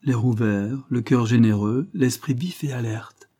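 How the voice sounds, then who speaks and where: Un homme jouant un jeune avoué calme et ferme. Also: male voice, mid-range voice, unhurried, natural voice. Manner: firm, evasive, good-humoured. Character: calm self-possessed young male lawyer.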